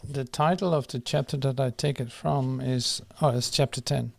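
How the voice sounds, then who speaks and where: A man guiding a meditation and slowly reading a prayer, soft and unhurried, with pauses and fillers. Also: medium pitch, fairly even intonation, vocal fry, no echo. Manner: reads the prayer slowly and firmly. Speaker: meditation guide. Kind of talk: guided meditation.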